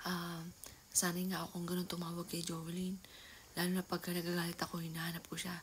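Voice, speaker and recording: Middle-aged woman vlogger with a low voice, soft and half-whispered, recorded at home with noticeable background noise. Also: monotone, fast. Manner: soft-spoken, often half-whispered, bursting into loud calls. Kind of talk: casual vlog storytelling. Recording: noisy home ambience.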